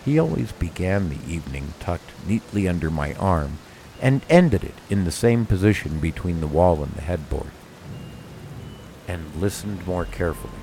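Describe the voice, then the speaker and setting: Deep-voiced man narrating a spooky story. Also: expressive, moderate pace, creaky, mellow, slight background noise.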